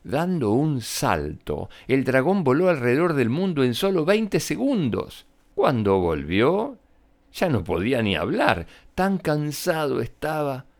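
A male storyteller reading a tale aloud for children. His voice rises and falls with lively pitch, and he speaks directly to his young listeners. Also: unhurried, gravelly. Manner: animated and expressive, addressing children.

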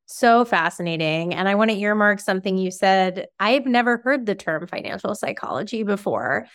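A woman's voice: medium pitch, expressive, moderate pace, fairly bright tone. A woman hosting a podcast, chatty and curious, asking questions in a casual style with lots of "like"s. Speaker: podcast host.

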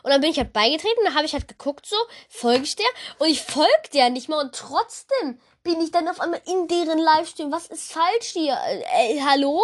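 A teenage girl hosting her own podcast in casual, rambling chat, giggling often and excitable as she talks to her listeners. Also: sits high, brisk, few pauses. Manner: rambling, giggly, excitable, keeps saying "Leute". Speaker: podcast host. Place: home recording chair.

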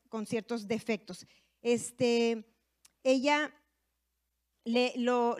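A woman giving a conversational sermon to women, sprinkling in tag questions and fillers as she talks. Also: fairly high pitch. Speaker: women's ministry speaker.

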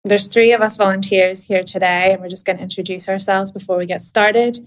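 A young woman with a Northern Irish accent, a volunteer who hosts a podcast interview and asks measured questions. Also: mid-range voice, steady tone. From Belfast, Northern Ireland.

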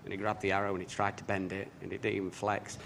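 A man tells a personal story in an earnest way. His voice sits a little low. A faint ambient hum runs behind him. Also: little pitch movement, fast, vocal fry, a bit bright. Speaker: speaker.

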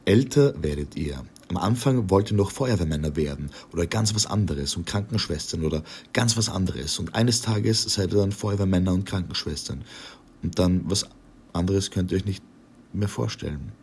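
A man reading the lines of a tiny, fat, proud king who calmly explains his musings in an audiobook. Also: low voice, moderate pace, a little hiss or hum.

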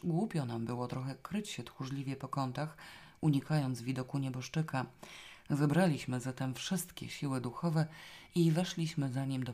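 A woman reading a novel aloud in the first person, with a wry, lively storytelling manner. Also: very deep voice. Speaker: audiobook reader. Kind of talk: scripted first-person narration.

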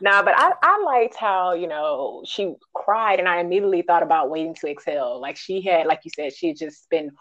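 A woman co-hosting a casual TV recap chat, retelling scenes and acting out the characters' lines in an animated way. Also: on the low side, brisk, few pauses, slight background noise. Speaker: podcast co-host. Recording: dull lo-fi sound.

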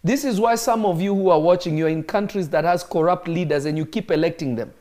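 The preacher, a Kenyan man, speaks a little fast in a high, slightly mellow voice during a live-streamed sermon. He drives home his teaching to online viewers emphatically, repeating phrases for effect.

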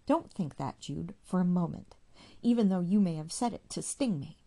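A proud, touchy young wife, read by a woman, speaking defensively with feeling. The voice rises higher and louder than the narration, with a gravelly, dark tone beneath it. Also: expressive, normal speed. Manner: defensive, emotional.

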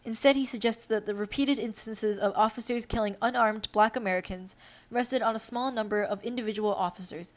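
A woman's voice: fairly high pitch, steady tone, fairly quick. A young woman hosting a podcast, reading news articles aloud and breaking off into unscripted remarks with fillers. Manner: unscripted asides with fillers between read passages. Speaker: podcast host.

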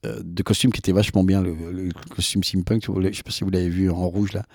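A man, a voice actor guest, telling anecdotes in a casual chat with lively, rambling delivery full of restarts and mimicked quotes. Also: sits low, fast talker, gravelly, breathy edge, no echo, clean studio sound. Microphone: podcast microphone.

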